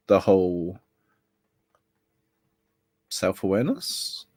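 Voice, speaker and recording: A young man hosts a casual late-night chat, speaking in a low voice with lively, swinging intonation. He is laid-back and laughs often, and the sound is dry and close. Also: normal speed, no room sound. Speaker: host.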